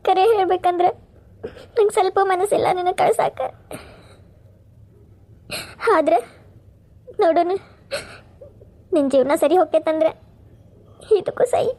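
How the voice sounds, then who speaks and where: A woman's voice: very high-pitched, normal speed, pauses often, mellow, pitched above the performer's own voice. A woman voicing a caring, protective elder sister who coaxes and scolds. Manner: coaxing, then firm and scolding.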